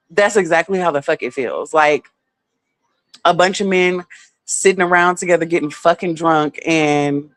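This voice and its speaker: A woman's voice: low-pitched, no room sound. A woman telling a personal story in a casual vlog, candid and heavily profane, full of filler words.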